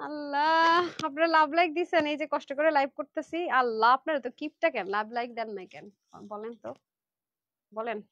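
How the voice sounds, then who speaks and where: Fast-talking high-voiced woman selling live. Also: dry recording, muffled recording. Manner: chatty, pushy, addresses viewers as sisters. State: tired, worn out. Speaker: online clothing seller hosting a live sale.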